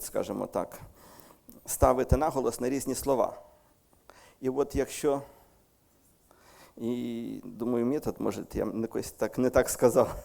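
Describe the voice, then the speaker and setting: Gravelly, mellow-voiced Ukrainian pastor. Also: male voice, mid-range voice. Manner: conversational, with self-corrections and light humor. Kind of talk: sermon. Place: church hall.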